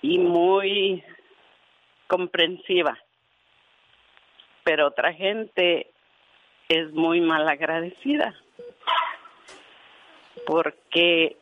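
A woman's voice: on the low side, lo-fi sound. A woman calling into a radio show, earnestly telling a story with quoted dialogue, her voice tearful at times. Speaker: radio caller.

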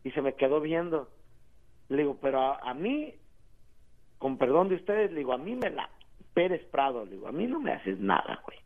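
A man's voice: fairly high pitch, normal speed. Mexican man telling a story over the phone. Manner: rambling, animated storyteller, slangy. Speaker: caller. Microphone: telephone. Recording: tinny phone line.

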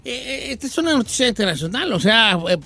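A man's voice: very high-pitched, sing-song, a little fast, vocal fry, sharp tone. A man hosting a comic news show, reading stories and teasing his co-hosts.

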